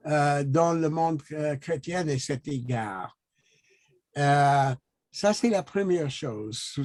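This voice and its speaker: A man who is not a native French speaker, speaking French with a foreign accent in an unscripted discussion, haltingly searching for words. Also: on the high side, a little mellow, dry recording. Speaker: guest commenter in a discussion.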